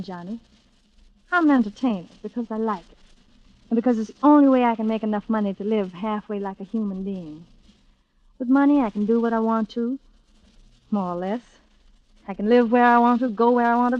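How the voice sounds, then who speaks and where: An actress playing a hard-bitten young singer with clipped, wry comebacks in an old-time radio drama. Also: female voice, fairly high pitch, fairly quick, long pauses, no echo, close to an everyday voice. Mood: defiant. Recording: muffled vintage radio recording.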